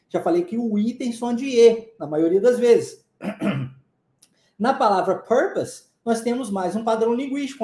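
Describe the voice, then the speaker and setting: A man with a Brazilian Portuguese accent teaches an online English lesson, explaining things emphatically and checking in with the listener often. His voice is extremely high-pitched and warm, and the recording sounds roomy.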